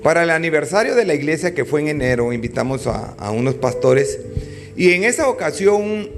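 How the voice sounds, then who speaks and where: A man's voice: very animated, brisk, over music. A man preaching a sermon as pastor, in a dramatic style that rises and falls. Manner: dramatic preaching with sweeping pitch swings.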